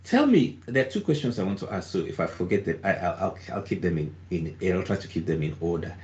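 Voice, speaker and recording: A man with a fairly low voice hosts an online interview and introduces his guest. He is jovial and rambling, correcting himself as he goes. The sound is dull and lo-fi. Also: sing-song, quick pace, a little mellow. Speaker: host.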